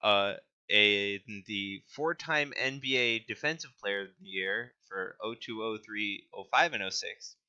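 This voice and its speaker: A man's voice: fairly low pitch, a little slow, hardly any pauses, pushed and bright, smooth, lo-fi sound. A young man co-hosting a casual sports podcast, reading stats with small stumbles and laughs. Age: young adult. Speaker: podcast co-host.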